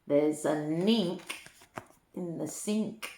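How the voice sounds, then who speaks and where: In an echoey room with background noise, a grandmother with a deep voice reads a rhyming children's storybook aloud. She moves at an unhurried lilt and breaks off to chat with her young listeners in little asides.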